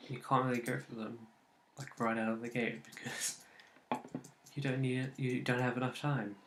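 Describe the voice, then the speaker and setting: A man's voice: medium pitch, level tone, moderate pace, roomy sound, noisy background. A man commentating casually on a game he is playing, muttering and swearing at his failed attempts. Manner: muttering, swearing at failures, rambling. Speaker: let's play host.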